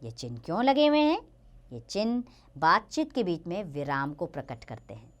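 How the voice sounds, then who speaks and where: A woman gives a children's grammar lesson in a lower, sing-song voice. Her pitch swings widely as she stresses each example sentence. She speaks in a teacherly tone to young learners. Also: sing-song, moderate pace, muffled recording.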